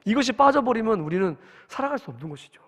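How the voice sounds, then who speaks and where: A man's voice: sits high, sing-song, quick pace. A man in his forties, a pastor, preaching a sermon in an earnest, conversational way and asking the congregation questions. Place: church sanctuary at early-morning service. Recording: long reverb in a church hall.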